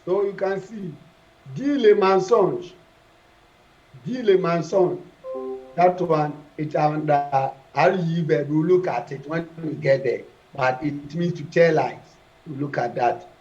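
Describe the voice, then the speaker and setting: A man's voice: a little high, a little mellow. A man teaching a French verb lesson to a class, drilling conjugations and quizzing students. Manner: slow, repetitive drilling with questions to the class. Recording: dull lo-fi classroom recording.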